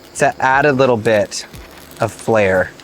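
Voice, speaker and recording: Enthusiastic chef host at the griddle. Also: male voice, mid-range voice, slow, fairly bright tone, slight background noise. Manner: enthusiastic, chatty, talks with a mouthful at times. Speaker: cooking show host, chef. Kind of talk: casual cooking demonstration. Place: outdoor griddle cooking set.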